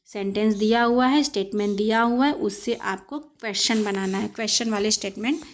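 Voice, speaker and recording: A young woman teaching an English lesson in Hindi, spelling words out letter by letter and reading English sentences out very slowly. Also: medium pitch.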